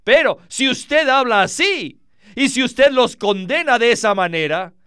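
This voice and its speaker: A man preaching a sermon in a high, slow, carefully paced voice. He is earnest and emphatic and speaks directly to his listeners. His tone is clear and smooth, recorded dry and close. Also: expressive, fairly bright tone, no room sound.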